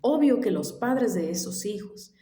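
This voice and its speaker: Her voice sits on the high side with lively intonation as a woman tells a family story, relaxed and unhurried, in an echoey space. She breaks off at times, murmurs soft whispered asides, and notes she has allergies.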